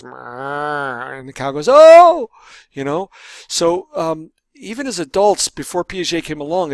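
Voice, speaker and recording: A man's voice: a little high, dry recording, studio quality. A man giving a recorded course lecture, rambling a little, with many fillers and restarts. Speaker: college lecturer.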